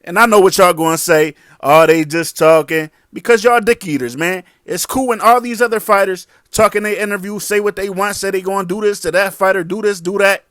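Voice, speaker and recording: A man's voice: sits high, fairly bright tone, no echo, studio quality. A man giving casual boxing commentary in a blunt, slangy, combative way.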